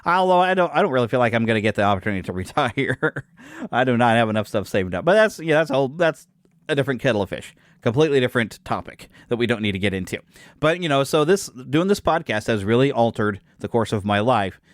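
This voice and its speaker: Hosting his own casual podcast, a man in his forties chats in a mid-range voice with lively intonation and a fast pace, rambling, correcting himself often, and joking at his own expense. The studio-quality recording has no echo.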